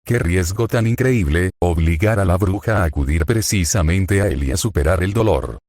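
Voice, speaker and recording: A man voicing a noble young knight who speaks with deep, earnest admiration. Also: normal speed, darkish tone. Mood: admiring.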